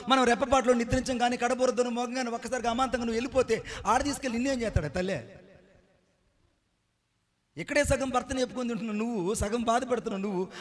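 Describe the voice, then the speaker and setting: A middle-aged male pastor giving a sermon, often firing questions at his listeners and acting out quoted dialogue. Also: very high-pitched. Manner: rhetorical questions to the congregation.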